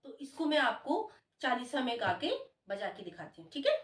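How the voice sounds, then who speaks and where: A woman's voice: a little high, expressive, a little fast, over loud music. A woman teaching dholak in an encouraging, friendly way, counting the beats aloud as she plays. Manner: warm, encouraging, coaxing. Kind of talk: friendly music lesson. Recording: roomy, distant, dull sound with dholak drumming.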